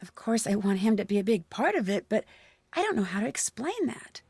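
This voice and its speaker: A woman's voice: medium pitch, big pitch swings, brisk, creaky, darkish tone, husky, no room sound, full character voice. An actress playing a polite, earnest and inquisitive young female detective in a video game. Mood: earnest, troubled. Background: music.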